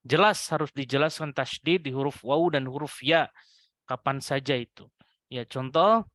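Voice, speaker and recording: A man teaching Quran recitation rules to adult students, patiently repeating example words slowly with a lifted voice and addressing his listeners politely. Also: mid-range voice, a bit bright, no room sound, studio quality. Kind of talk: tajwid lesson to adult students.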